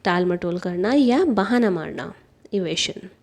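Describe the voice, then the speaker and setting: A woman teaching English vocabulary, repeating each word with a deliberate, drilling manner. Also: lowish voice, lively intonation, a little mellow.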